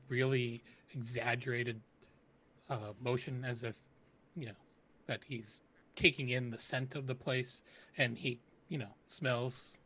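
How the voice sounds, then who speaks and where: A man playing a tabletop role-playing game. He has a medium-pitched voice and improvises his character's actions in a tentative, halting way. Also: fairly bright tone.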